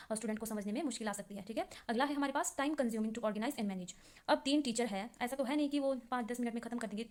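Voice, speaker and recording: A woman's voice: fairly high pitch, darkish tone. A young woman, a trainee teacher, explaining exam notes in a casual lesson, chatty and full of fillers. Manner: chatty explaining with many fillers, reads English definitions slowly.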